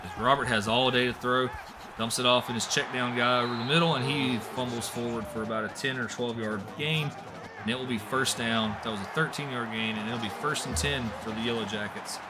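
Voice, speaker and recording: A young man doing live play-by-play commentary on a simulated football game, getting excitable on big plays. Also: a little fast, very noisy. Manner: excitable, voice jumps high and loud on big plays. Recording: music playing behind the voice.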